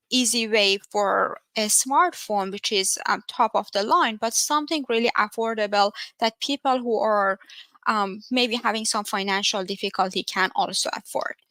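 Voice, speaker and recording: A woman's voice: on the high side, bright, forceful tone, no echo. A woman from Iran with an Iranian accent, a research scientist giving an earnest technical talk at a virtual developer event, with frequent fillers. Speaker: conference speaker, research scientist. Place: home, via video call.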